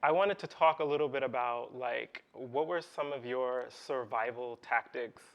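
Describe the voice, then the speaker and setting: A man hosts a casual interview in a medium-pitched voice. His delivery is conversational and earnest, with an encouraging way of putting questions and reflections. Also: moderate pace, lo-fi sound. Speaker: host of an interview show.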